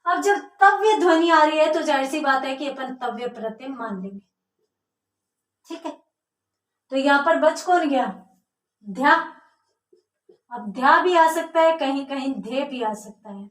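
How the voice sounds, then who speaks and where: A woman's voice: high voice, lively intonation, unhurried, long pauses, far from the mic. A woman teaching a grammar lesson, explaining step by step and answering her own questions. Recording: echoey room, voice from off mic.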